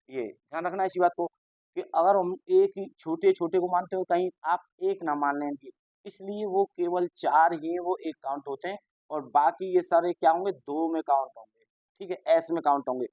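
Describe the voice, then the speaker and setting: A man's voice: fairly high pitch, a little mellow, no room sound. Patient male teacher, dry close sound. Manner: patient, repeats reminders, asks and answers own questions. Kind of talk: Hindi exam-prep lesson.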